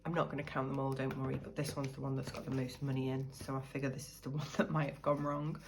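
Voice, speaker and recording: Her voice is extremely low with little pitch movement, and she talks fast amid background noise. The speaker is a budgeting vlogger from the United Kingdom, hoarse with a cold, chatting and counting aloud as she stuffs cash into budget envelopes.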